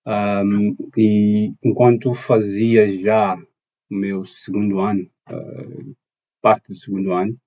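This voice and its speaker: A young man from Mozambique appears as a podcast guest, giving thoughtful, conversational interview answers while searching for words and restarting often. His voice is lowish, warm, and slow, with little pitch movement, and the recording is muffled.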